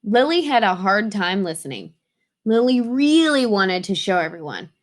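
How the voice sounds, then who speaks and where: A woman reading a children's story aloud with expressive, emphatic phrasing. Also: mid-range voice, normal speed.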